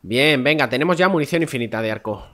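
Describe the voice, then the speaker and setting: A man's voice: mid-range voice, expressive, quick pace, a bit bright. A man from with a stuffy, nasal voice from a cold, chatting casually to viewers as he plays a game, swearing often. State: congested, nasal voice. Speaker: gameplay streamer. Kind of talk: casual let's-play commentary.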